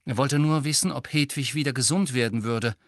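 A man narrating an audiobook in an expressive storytelling manner. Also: medium pitch, fairly quick, dry recording, studio quality. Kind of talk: scripted narration.

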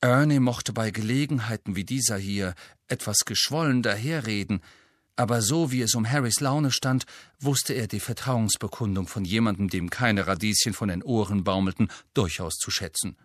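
A man narrating an audiobook in a measured, even reading. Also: fairly low pitch, no room sound. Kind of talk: scripted narration.

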